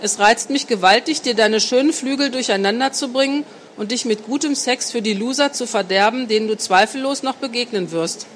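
A woman reading the part of a confident, worldly man who talks in a smooth, teasing, persuasive way, in an adult audiobook. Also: on the high side, a little fast, few pauses, a little hiss or hum, lightly acted. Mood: seductive. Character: confident seductive grown man, calm and worldly.

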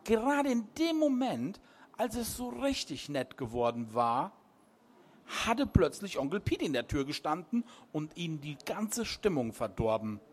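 A man with a fairly high voice reads a coastal crime story aloud. His delivery is animated and swings widely in pitch. Between chapters he drops into relaxed, chatty asides. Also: measured pace. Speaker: reader.

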